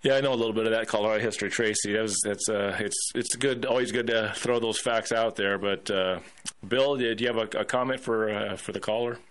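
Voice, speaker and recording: A man's voice: on the low side, fairly even intonation, brisk, a bit bright, dry recording. A man hosting a radio call-in show in a casual conversational style. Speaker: radio talk show host.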